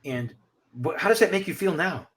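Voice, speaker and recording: A man conducting an interview, asking questions in a gentle, supportive manner. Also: sits high, animated, moderate pace. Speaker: interviewer who works on birth parent search cases.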